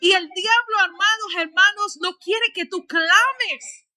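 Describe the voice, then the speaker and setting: High bright animated woman preacher. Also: slow, soft background music. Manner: animated preaching, rising to shouts and dropping to soft asides; frequent tag questions to the congregation. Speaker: pastor. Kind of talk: sermon. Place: church.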